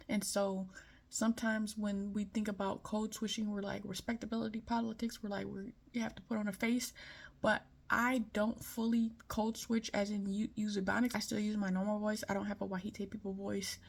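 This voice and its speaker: Speaking as a commentator, a Detroit woman with a mild Southern American lilt offers her opinions in a relaxed monologue. She sounds frank, chatty and a little mellow, her fairly level pitch roughened by frequent vocal fry.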